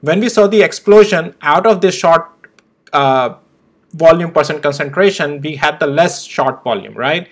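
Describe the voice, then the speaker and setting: A man's voice: a little high, moderate pace. A young man hosting a stock trading channel, walking through charts in a casual, emphatic way with frequent tag questions. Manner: emphatic, repeats tag questions like "right?" and "okay?". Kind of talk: casual chart analysis walkthrough.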